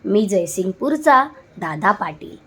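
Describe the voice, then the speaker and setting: Scared humble old village dad begging, lady narrator doing him, plain soft voice. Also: mid-range voice, very animated, a little slow, breathy edge, heavily acted. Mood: pleading. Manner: humble, pleading. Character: frightened older village father, pleading.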